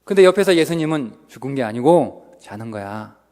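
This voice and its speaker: A male pastor preaching a revival sermon, swinging from loud outbursts to whispers, recorded in a church sanctuary. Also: mid-range voice, sing-song, normal speed. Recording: reverberant church hall.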